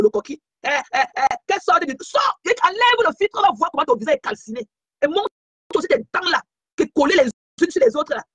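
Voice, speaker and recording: A woman's voice: sits high, no room sound. A woman hosting a live stream on her phone, talking in an emphatic, scolding way. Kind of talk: casual live-stream chat.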